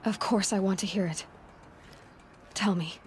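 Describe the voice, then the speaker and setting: A woman's voice: medium pitch, steady tone, unhurried, slight background noise, close to an everyday voice. Aloy, earnest young warrior played by a woman. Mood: questioning, concerned. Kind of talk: dramatic video game acting. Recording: music behind the voice.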